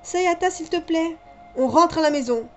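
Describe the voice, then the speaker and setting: Brief: woman doing a kind, soft-spoken mom, high voice, muffled lo-fi with music. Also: moderate pace. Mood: pleading. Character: gentle mother, calm and kind. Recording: dull lo-fi with music behind.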